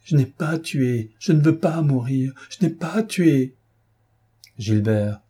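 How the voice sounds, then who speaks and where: A man reading an audiobook voices a young condemned prisoner who pleads in a breaking, high voice. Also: normal speed, mellow, slightly rough, lightly acted. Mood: frantic pleading.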